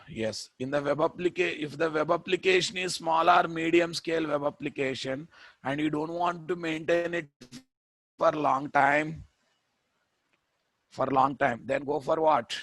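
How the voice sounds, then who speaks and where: A man with a Telugu Indian accent gives a classroom lecture as a programming instructor, repeating phrases for emphasis and prompting listeners with rhetorical questions. His voice is a little high and a bit bright, steady in tone and unhurried, in a dry recording.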